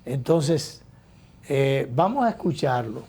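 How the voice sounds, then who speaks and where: Mellow man musing aloud. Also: medium pitch, sing-song, slightly rough. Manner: measured, reflective, with many hesitations and restarts. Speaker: talk show host. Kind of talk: political commentary chat.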